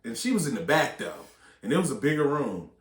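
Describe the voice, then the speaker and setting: A man hosting a casual chat among comedians, animated and laughing often, with slangy talk. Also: medium pitch, fast. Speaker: podcast host and comedian. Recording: roomy echo.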